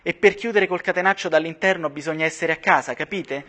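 A man reading aloud voices a quick-witted young man who urgently explains his reasoning, calling out and insisting. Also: fairly high pitch, natural voice. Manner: insistent, shouting, explaining step by step.

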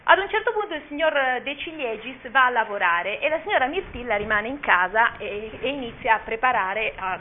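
A woman giving an informal talk about a children's story, speaking hesitantly with many pauses and restarts. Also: on the high side. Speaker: speaker presenting a children's book. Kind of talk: informal talk with read-aloud passages. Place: talk at a cultural gathering. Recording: tinny phone-like lo-fi audio, faint hiss.

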